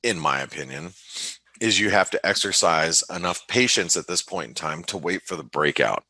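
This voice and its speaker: A man giving casual market commentary as an analyst on a trading webinar, halting and thinking aloud with many restarts and fillers. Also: sits low, animated, pushed and bright, no room sound.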